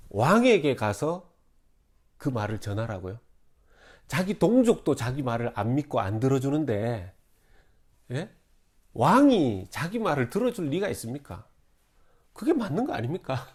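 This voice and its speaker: A man's voice: medium pitch, darkish tone. A middle-aged male pastor preaching a sermon in a conversational way, acting out the people he quotes.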